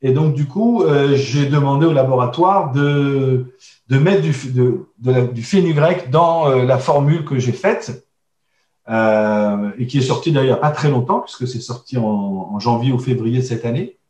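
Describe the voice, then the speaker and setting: A man's voice: mid-range voice, moderate pace, darkish tone. A man teaching a recorded course on herbal medicine, explaining slides with frequent hesitations, restarts and asides to his listeners. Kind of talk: recorded online lesson with slides. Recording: echoey room, voice a bit distant.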